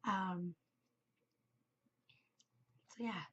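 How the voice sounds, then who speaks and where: Speaking very slowly in a steady, fairly bright medium-pitched voice that's slightly rough, a woman hosts a knitting podcast in casual solo chat. She rambles with lots of ums, congested and worn from a cold. The recording is lo-fi.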